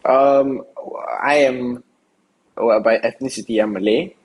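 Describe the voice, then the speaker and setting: Outdoors, a young rapper from Singapore rambles through interview answers, restarting often and leaning on fillers. His mid-range voice is unhurried, a little mellow and husky, with fairly even intonation, and the recording is rough.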